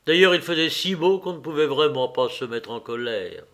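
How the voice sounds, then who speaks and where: A man narrating a classic novel in a measured, steady reading voice. His pitch sits a little high for a man, and the delivery is even and unhurried. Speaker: audiobook reader. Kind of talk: scripted narration.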